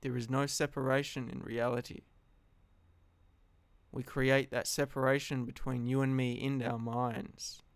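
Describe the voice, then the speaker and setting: A man giving an earnest, reflective philosophical monologue, speaking deliberately in short phrases with long pauses. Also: medium pitch, level tone, smooth, no echo. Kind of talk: solo reflective monologue, slow spoken address.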